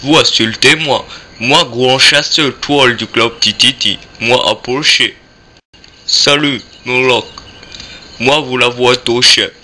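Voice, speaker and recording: Man doing a bright-voiced caveman-talking troll hunter. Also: medium pitch, takes it slowly, heavily acted. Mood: indignant, blunt. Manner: caveman talk, broken primitive grammar. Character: primitive troll hunter, proud and blunt. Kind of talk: comic fantasy radio sketch.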